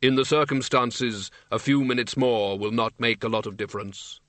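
A man voicing Death, a bony, unhurried reaper, in a slow, terse, dry and grave audiobook character voice. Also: medium pitch, a bit bright, no echo, close to an everyday voice.

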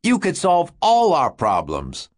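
A man voicing a big, agitated, blustering man who talks in a husky, urgent voice. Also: a little high, wildly swooping pitch, measured pace, pitched above the performer's own voice, exaggerated voice. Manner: shouting, urgent, withering.

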